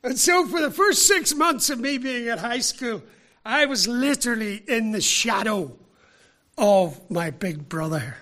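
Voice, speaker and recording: A man from Ireland, preaching a sermon with emphatic rhetorical questions and deliberate pauses. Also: extremely high pitch, lively intonation, sharp tone. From Northern Ireland.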